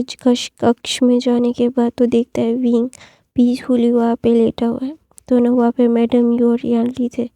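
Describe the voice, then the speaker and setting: Woman, storyteller, casual retelling, filler-heavy, dark tone, dry close sound. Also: fairly high pitch, no room sound. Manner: loose, with constant fillers and restarts.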